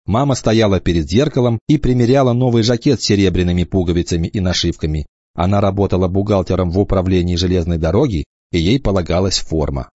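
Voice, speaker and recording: A man reading a children's novel aloud in an expressive way, shifting into voices for the characters. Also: sits low, quick pace, no echo, highs cut off. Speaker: audiobook reader.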